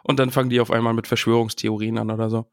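A man's voice: medium pitch, level tone, very fast, no echo, clean studio sound. A man co-hosting a casual podcast about a book, cheerfully reading passages aloud with feeling. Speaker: podcast co-host.

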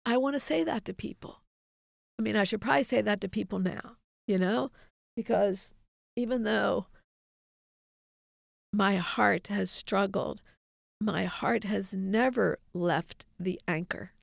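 A woman's voice: medium pitch, unhurried, vocal fry, long pauses, dry recording, studio quality. A middle-aged woman giving a heartfelt faith testimony as an interview guest, earnest and reflective. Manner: earnest, reflective, quotes others in dialogue.

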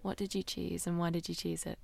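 A woman's voice: lowish voice, little pitch movement, a little fast, vocal fry, a little mellow, no room sound. A woman hosting an interview, offering brief affirmations and reflective follow-up questions. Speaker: interviewer host. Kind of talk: casual interview chat.

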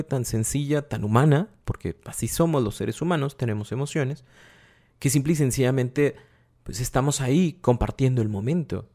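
A man with a Mexican Spanish accent giving an explanatory talk about emotions, expressive and acting out everyday dialogues. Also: mid-range voice. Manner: expressive, acts out everyday dialogues, laughs often. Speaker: emotional wellbeing speaker.

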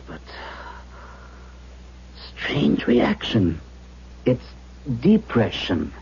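Slow, raspy man in radio drama. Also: mid-range voice, mellow, exaggerated voice. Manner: halting, searching for words. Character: practical man brooding in a haunted house. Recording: dull old radio broadcast.

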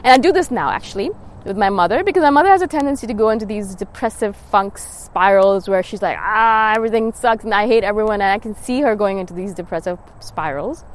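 A woman's voice: mid-range voice, lively intonation, fast talker, low-quality recording. A young woman talking casually about everyday self-help, acting out quoted thoughts in little voices with many restarts. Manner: chatty, frequent restarts and fillers. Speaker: self-help video host.

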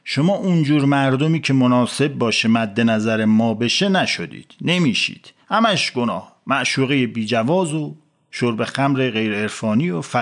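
A man's voice: mid-range voice, animated, close to an everyday voice. A man playing a pompous morality officer. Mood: scolding. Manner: bossy, lists charges. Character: stern male morality officer, pompous and nagging.

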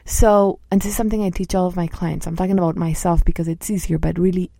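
A woman in her thirties, a coach, speaking softly and earnestly about her own experience, at times voicing inner thoughts. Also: on the low side, steady tone, fast talker, creaky, dry recording. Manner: soft-spoken, earnest, acts out inner voices. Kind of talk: reflective personal talk.

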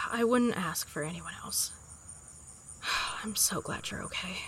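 A woman's voice: fairly low pitch, very slow, a bit bright, a little hiss or hum. An actress playing a feisty, blunt but tender woman in love in an audio drama. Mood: soft, remorseful.

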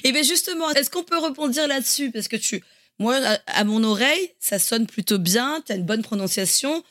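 A woman's voice: fairly high pitch, animated, normal speed, a bit bright. A woman hosting a podcast interview, asking curious follow-up questions. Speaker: podcast host. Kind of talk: casual interview chat.

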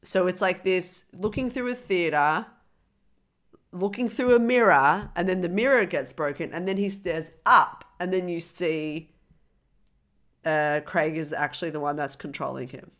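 A woman co-hosting a casual film discussion podcast, talking in an animated way and swearing freely. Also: on the low side, a little slow. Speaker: podcast co-host.

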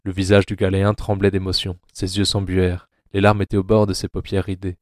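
A man narrating an audio drama in a grave, measured way. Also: deep voice, completely flat delivery, no room sound, clean studio sound.

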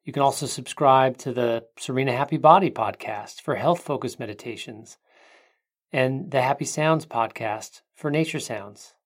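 A meditation guide speaking gently and unhurriedly, with long pauses between soothing instructions. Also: mid-range voice. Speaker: meditation guide, podcast host.

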